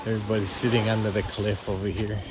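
A man's voice: fairly low pitch, little pitch movement, fast. A man narrating a walking tour of a beach for his travel vlog, easygoing and chuckling, marveling at the view. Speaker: travel vlogger. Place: outdoors on a tropical beach. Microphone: phone camera held while walking. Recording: outdoor wind and water noise.

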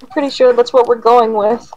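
A woman's voice: fairly high pitch, steady tone, brisk, warm tone. A young woman chatting during a game, rambling with lots of fillers and little laughs. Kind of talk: casual gaming chat. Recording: dry, dull-sounding mic with faint music.

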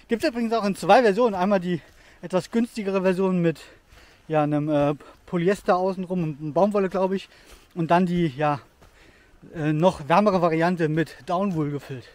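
This man in his thirties chats enthusiastically about outdoor gear as he hikes a rocky forest, his casual talk full of fillers. His voice is high-pitched with a darkish tone.

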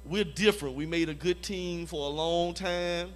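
Preaching at a church training conference in a church hall, this evangelism leader has a notably high voice and a moderate pace. He speaks with emphasis, goes over his phrases again and again, and repeatedly asks the live crowd for an amen.

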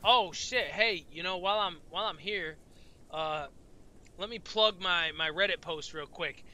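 A man's voice: high voice, measured pace, sharp tone. A man live-streaming a game, chatting loosely with viewers, swearing often and sounding tired. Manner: profane, rambling, talks to chat. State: tired, yawning. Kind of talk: casual live-stream commentary.

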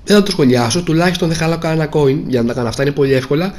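Casting note: young male gaming creator, somewhat high voice, slightly hoarse, grumbling and let down. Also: darkish tone. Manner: grumbling, disappointed, repeats himself. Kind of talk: casual gameplay commentary.

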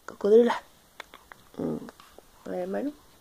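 A woman's voice: medium pitch, takes it slowly, creaky, warm tone, a little hiss or hum. A mother from Spain talking baby talk to her infants in a home video, cooing and repeating little sing-song words, now and then bursting into playful squeals. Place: family home.

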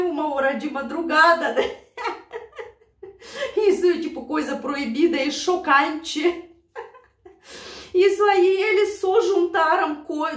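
A high-pitched Siberian vlogger who reacts to songs talks casually with her viewers about old memories in a Russian accent. Emotional and quick to laugh, she speaks to them with affection, her voice sounding roomy and well away from the mic.

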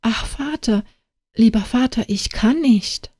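A woman voicing a dreamy, pleading young woman in an audiobook tale, speaking softly and imploringly. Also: fairly high pitch, slow, breathy edge, no echo, studio quality, voice pushed up. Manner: soft, imploring.

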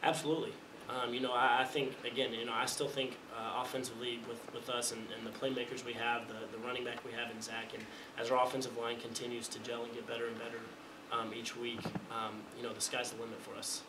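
Fast and flat with hardly any pauses, a young college quarterback speaks at medium pitch while answering questions at a postgame press conference, restarting often and repeating words. He uses a table mic in an indoor press room, recorded with echo, distance, and background noise.

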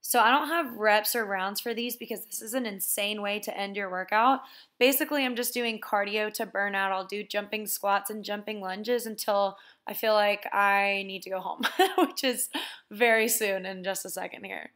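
A young woman walks the listener through a gym routine in an easygoing, conversational voice-over. She talks in a relaxed, chatty way and keeps explaining each move plainly. Her pitch sits in an ordinary middle range. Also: normal speed. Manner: relaxed, chatty instruction with "basically" and "so". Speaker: fitness vlogger. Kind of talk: casual workout walkthrough voice-over.

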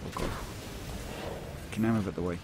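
Playing a co-op game alongside a friend, this gaming channel host keeps the chat casual, joking around with lively exclamations in a playful mood. His voice sits low with vocal fry, he talks at a moderate pace, and the background is noisy.

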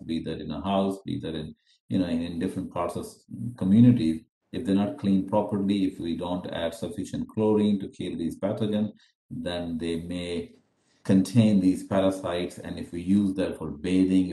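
A man's voice: low voice, mellow, roomy sound. A middle-aged man from Pakistan giving an unscripted webinar lecture over a video call, with many fillers and restarts. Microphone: webcam video call.

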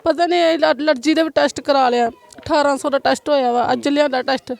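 High gravelly village mother. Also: fairly even intonation, brisk. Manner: plain, tired account of hardship. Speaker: interviewee, mother.

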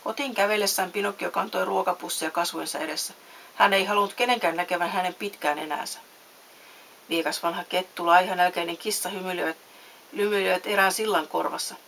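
A woman's voice: fairly even intonation, vocal fry, rough recording. Woman reading a children's storybook. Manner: reads voices with raised pitch and loudness. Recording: faint hiss.

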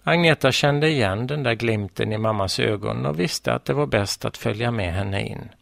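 Calm male narrator for a children's story, gravelly, dry. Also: mid-range voice, dry recording. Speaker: story reader.

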